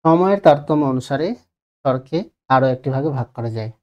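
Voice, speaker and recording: A man's voice: medium pitch, a little fast, darkish tone, lo-fi sound. Man teaching a grammar lesson. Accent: Bengali, West Bengal. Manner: repeats key phrases, asks and answers own questions; drags out vowels to demonstrate. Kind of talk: exam-prep grammar lesson.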